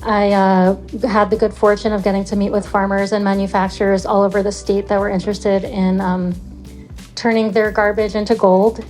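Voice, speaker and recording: Flat-voiced woman on a panel. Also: mid-range voice, moderate pace, faint music behind. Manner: steady, with frequent um and uh fillers. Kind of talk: panel self-introduction. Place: panel event in front of a live audience.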